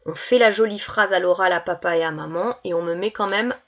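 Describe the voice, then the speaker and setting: A woman's voice: lowish voice, fairly quick, muffled recording. A woman teacher explains worksheet exercises to young children, carefully stretching out each word for dictation. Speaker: schoolteacher.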